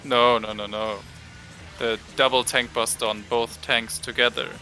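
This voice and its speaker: Casting: gravelly, bright gamer dude, laid-back, faint music behind. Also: male voice, medium pitch, flat delivery, a little slow. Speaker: tank player in a raid group. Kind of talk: casual voice chat.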